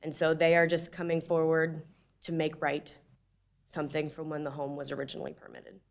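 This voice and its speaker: Woman, slightly low pitch, staff presenter, plain explanatory delivery, public meeting. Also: completely flat delivery, brisk, creaky.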